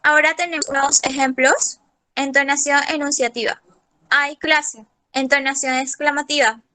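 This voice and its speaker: A woman student reading a class presentation in a plain, steady way, with a few fillers. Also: high-pitched, moderate pace.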